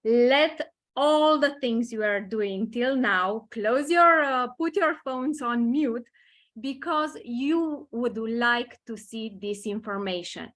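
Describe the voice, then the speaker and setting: Slow-talking Romanian woman hosting a video call. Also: on the high side, fairly bright tone. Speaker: webinar host. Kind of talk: online presentation introduction.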